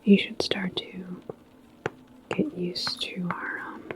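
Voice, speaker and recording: In a sci-fi ASMR roleplay, a woman plays a calm, reassuring transit station attendant. She whispers softly and breathily in a halting, chatty way, her voice on the low side, and the recording is rough.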